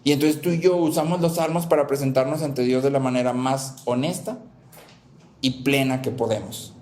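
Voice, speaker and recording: A man in the middle of a sermon, speaking at an ordinary pitch. He repeats each main point and keeps checking in with his listeners. His voice rings around an echoey church hall. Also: steady tone, moderate pace, a little mellow, a little hiss or hum. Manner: repeats key phrases, asks "¿sí?" to check in. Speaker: preacher.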